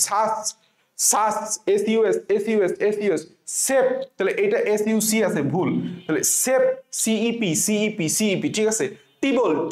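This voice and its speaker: A tutor with a Bangladeshi Bengali accent giving an online revision lecture, spelling words out slowly letter by letter, repeating them, and asking the class questions before answering them. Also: medium pitch. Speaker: admission exam tutor. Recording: echoey room.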